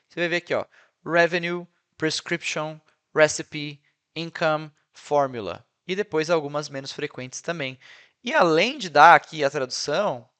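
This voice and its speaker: A Brazilian man with a Brazilian Portuguese accent, talking over a screen recording as an English teacher. His voice sits a little high for a man, and he keeps it chatty, tossing in quick tag questions between points. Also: fairly bright tone. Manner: chatty, peppered with "né?" and "ó". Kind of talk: casual screen-share tutorial.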